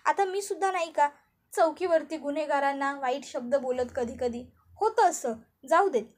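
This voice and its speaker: A woman voicing a calm male police officer who soothes and reassures his wife. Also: high-pitched, moderate pace, natural voice. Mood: soothing. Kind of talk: retelling TV serial dialogue.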